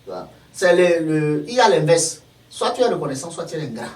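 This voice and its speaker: Animated man with a Togolese accent. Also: a little high, a little fast. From Togo. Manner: animated, explains with worked examples. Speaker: guest. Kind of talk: casual advice talk. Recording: echoey room, far from mic.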